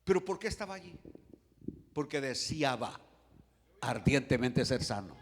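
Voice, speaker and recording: A male pastor preaching a sermon in a church, animated, swinging from hushed lines to shouts, with humorous asides. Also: medium pitch, unhurried, vocal fry. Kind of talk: Spanish-language sermon. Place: church sanctuary. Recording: reverberant church hall.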